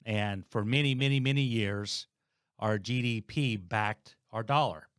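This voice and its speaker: A man's voice: lowish voice, a little slow, fairly bright tone, clear, resonant tone, dry recording, clean studio sound. A man in his late fifties, a guest on a podcast, talking casually and thinking aloud with many restarts. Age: 50s. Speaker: guest, host's father.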